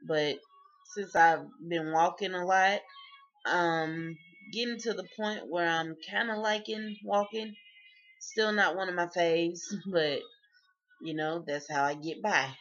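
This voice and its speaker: A woman's voice: lowish voice, fairly bright tone. A woman talking casually in a video diary, chatty and sleepy, often breaking into laughs. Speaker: vlogger. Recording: dull lo-fi sound.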